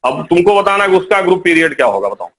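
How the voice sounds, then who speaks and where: Male teacher, high voice, live classroom lecture, repeats and quizzes students. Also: sing-song, fast talker, noisy background. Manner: repetitive, coaxing, quizzes students. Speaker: chemistry teacher.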